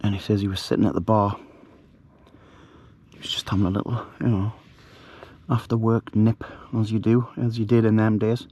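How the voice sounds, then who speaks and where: A middle-aged man, telling a ghost story in a hushed, rambling way with many fillers, camping outdoors at night. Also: lowish voice, level tone, moderate pace, slight background noise. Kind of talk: casual storytelling to camera.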